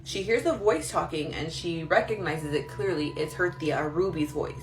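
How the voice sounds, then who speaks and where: A woman's voice: sits low, normal speed. A woman host telling spooky stories for social media, conversational with dramatic emphasis. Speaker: storyteller host reading follower-sent stories. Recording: roomy echo, distant mic, faint noise.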